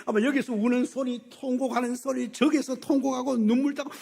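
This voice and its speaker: A male pastor preaching a sermon in church, swinging from hushed tones to emphatic shouts. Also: extremely high pitch, steady tone, a little fast, vocal fry. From South Korea. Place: church sanctuary.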